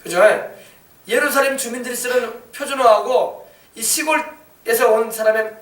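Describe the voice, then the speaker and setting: A pastor with a high voice preaches in a church sanctuary, his words ringing through a roomy, echoing space. He stands a little away from the microphone and throws himself into the quoted lines with rising emphasis. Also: moderate pace, fairly bright tone. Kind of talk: sermon. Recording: echoey church hall, mic at a distance.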